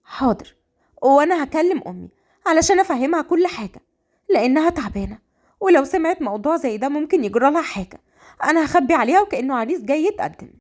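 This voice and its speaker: A woman's voice: high voice, big pitch swings, fast talker, darkish tone. A woman voicing a proud, defiant young bride. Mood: determined.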